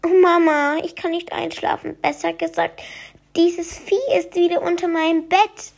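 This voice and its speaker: A woman voicing a young boy in a storybook reading, with a high, squeaky child voice. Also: steady tone, a little slow, gravelly, heavily acted. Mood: scared pleading. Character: young boy, timid then excited.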